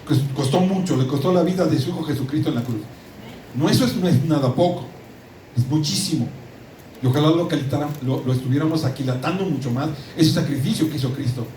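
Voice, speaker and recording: A man's voice: a little high, fast, mellow, a little hiss or hum. A middle-aged man with a Mexican accent preaching a sermon, emphatic and prone to repeating words and restarting. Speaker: pastor. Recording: roomy echo, distant mic, audible room ambience.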